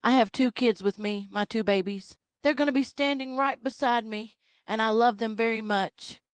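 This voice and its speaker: A woman voicing a loud, proud Southern Baptist mother in her forties with a Southern US accent, talking in an earnest, rambling, repetitive way. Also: on the high side, moderate pace, dry recording, natural voice.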